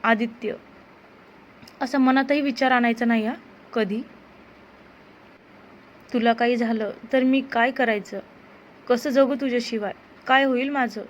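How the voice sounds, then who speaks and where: A conflicted young woman in love, soft and pleading in a fairly high voice, as a woman narrator gives her lines. The audio is a bit dull, with faint background hiss. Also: steady tone, a little slow, pauses often, lightly acted. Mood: tearful. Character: young woman, torn, tearful lover.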